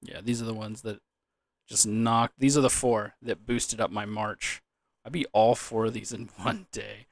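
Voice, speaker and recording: A man's voice: on the low side, steady tone, measured pace, dry recording. A young man in a loose, drunken, rambling casual chat about gaming, trailing off, repeating words and swearing casually. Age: young adult. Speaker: gaming vlogger.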